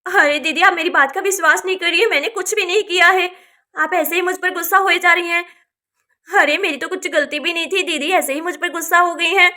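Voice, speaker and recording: A woman's voice: very high-pitched, steady tone, fairly quick, sharp tone. A woman voicing a young village woman who frets and pleads while minding her sister's baby in a doll story. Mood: pleading. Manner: fretful, pleading.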